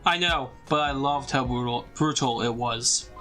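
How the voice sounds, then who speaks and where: A man's voice: medium pitch, a little slow, pushed and bright, faint music behind. A man co-hosting a casual film review chat, earnest and enthusiastic, with some teasing.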